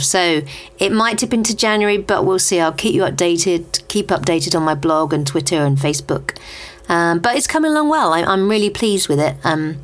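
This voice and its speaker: A woman author hosting her own show, chatting casually with lots of ums before interviewing a guest. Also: fairly low pitch. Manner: chatty, warm-hearted enthusiasm with many fillers. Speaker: podcast host and author.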